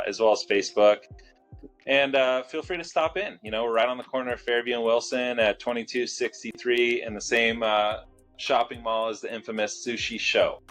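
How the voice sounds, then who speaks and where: A man from Southern California, a fitness studio owner talking casually as a guest in an interview, with lots of fillers. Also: mid-range voice. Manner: relaxed, many fillers.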